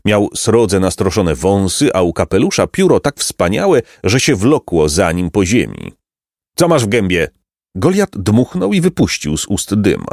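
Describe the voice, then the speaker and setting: A man narrating a children's tale with vivid, expressive storytelling. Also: deep voice, unhurried, creaky, hardly any pauses, no echo, clean studio sound. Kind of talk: storybook reading.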